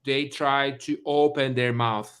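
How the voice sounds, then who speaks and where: A man's voice: medium pitch, steady tone, slow pace, fairly bright tone, smooth. A man with a Brazilian accent hosting a casual interview, talking loosely, jumping between thoughts and laughing often. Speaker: host.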